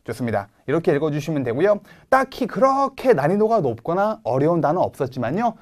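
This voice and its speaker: A man's voice: a little high, very animated, a little fast. A man in his thirties with a Korean accent, giving an online TOEIC Speaking lecture and modeling English words for viewers to repeat.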